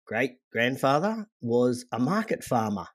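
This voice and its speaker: A middle-aged man from Australia with an Australian accent, a gym owner talking as a podcast guest in a joking, relaxed, rambling way. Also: medium pitch, a little slow, breathy edge, no echo, studio quality. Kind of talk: casual interview talk.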